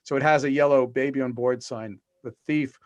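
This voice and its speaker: Speaking at a normal pace in a steady, mid-range voice, a middle-aged man guests on a video-call podcast interview. He's an author who tells long, meandering stories with fillers and restarts, recorded without echo.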